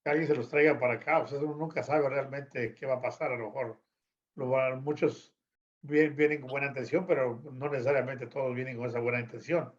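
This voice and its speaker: A man's voice: mid-range voice, steady tone, a little fast, highs cut off. A man in a casual discussion, speaking earnestly and restarting his phrases. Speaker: guest.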